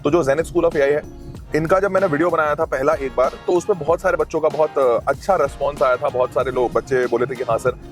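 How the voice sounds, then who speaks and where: A man's voice: fairly high pitch, a little fast, soft background music. A man hosting a casual campus tour vlog, talking freely in a mix of Hindi and English as he walks around a university campus. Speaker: educator and vlogger host.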